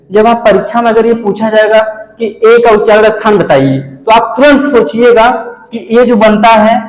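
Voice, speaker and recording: High-voiced male teacher in an echoey room. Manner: asks the class questions and answers them himself; demonstrates sounds by saying them over and over. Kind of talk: exam-prep grammar lesson. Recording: echoey room with a long reverb.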